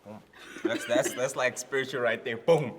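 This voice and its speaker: A man's voice: medium pitch, normal speed. A man hosting casually, with slangy, hyping talk and repeated phrases. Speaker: host. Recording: reverberant room, faint noise.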